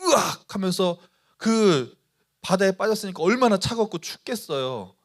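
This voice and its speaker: A man preaching a youth sermon as pastor, telling stories with lively, acted-out quoted voices. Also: fairly high pitch, moderate pace. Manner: animated storytelling, acting out quoted voices.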